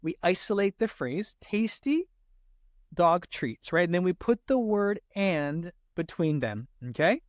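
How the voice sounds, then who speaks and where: Unhurried and animated, this man's voice sits high as he teaches an SAT grammar lesson straight to his viewers. He checks in over and over with "right?", and the studio-quality audio has no echo.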